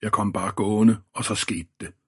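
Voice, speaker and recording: A man voicing a deep-voiced, apologetic male bystander in an audiobook reading. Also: fairly even intonation, breathy edge.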